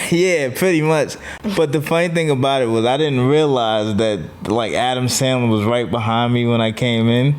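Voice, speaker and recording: A man guesting on a podcast as a comedian, telling stories in a relaxed way with lots of "like" fillers. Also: mid-range voice, normal speed, clean tone. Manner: easygoing storyteller, lots of "like" fillers. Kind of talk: casual podcast chat.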